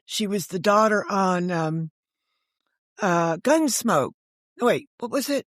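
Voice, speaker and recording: A woman with a medium-pitched, expressive voice talks at a slow pace, with no room sound. As an interview guest, this author and storyteller shares digressive anecdotes in a chatty style, acting out others' words as she goes, in lively, casual talk.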